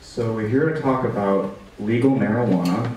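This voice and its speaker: A man's voice: fairly low pitch, moderate pace, over a noisy crowd. A man hosting a live event, chatty and upbeat, with many fillers, introducing the speakers to the audience. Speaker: event host and moderator. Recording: echoey room, far from the mic, audible noise.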